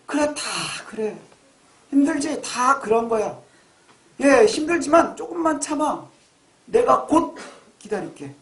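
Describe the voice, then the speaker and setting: A tender, consoling Jesus, as a male pastor puts him on speaks softly to his followers. His voice sits high and carries a roomy church echo. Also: lively intonation, a little slow, long pauses, heavily acted. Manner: soft, reassuring, tender. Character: gentle, loving Jesus comforting his disciples. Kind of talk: sermon with acted quotes.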